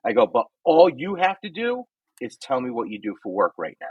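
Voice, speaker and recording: A man's voice: mid-range voice, fairly quick, slightly rough, no echo, narrow, tinny audio. A man who is a comedian hosting a podcast, telling stage stories in casual chat and acting out crowd exchanges, with frequent swearing. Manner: animated storytelling, swearing, acts out crowd exchanges.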